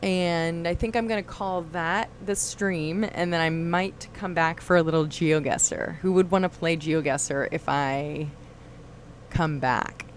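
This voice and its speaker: A woman's voice: fairly low pitch, steady tone, a little slow, slight background noise. A woman hosting a casual livestream, chatting and reading viewer comments aloud. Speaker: livestream host.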